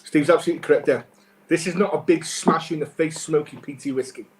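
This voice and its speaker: A man presenting sommelier-style tasting notes on a live webcast, informal and halting as he lists aromas and flavours. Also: fairly high pitch, roomy sound, a little hiss or hum.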